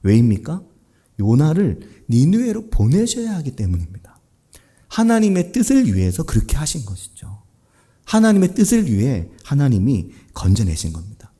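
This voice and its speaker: A man preaching a Sunday sermon as pastor, posing rhetorical questions and swinging between hushed low asides and raised, emphatic lines. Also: huge pitch swings, moderate pace, slightly rough.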